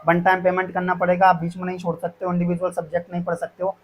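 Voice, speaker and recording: High-voiced teacher talking to students. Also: male voice, monotone, racing, slight background noise. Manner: repetitive, reassuring, addresses students as kids. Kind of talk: explaining course fees to students.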